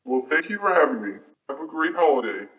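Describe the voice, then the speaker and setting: A man playing a kindly old Santa Claus, answering interview questions in a gentle, reassuring, fatherly way. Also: on the high side, sing-song, fast. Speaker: interview guest. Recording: dull archived clip, distant mic.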